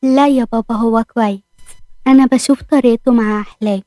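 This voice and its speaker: A woman voicing a sweet, dutiful young daughter with an Egyptian accent, speaking softly and obligingly. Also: fairly high pitch, steady tone, fast talker, no echo, clean studio sound, lightly acted. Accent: Egyptian Arabic.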